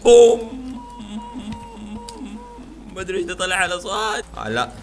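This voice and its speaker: A man commentating his own gameplay, shouting, chanting and making silly sound effects. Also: high voice, sing-song, normal speed, loud music behind the voice. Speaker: gaming video host.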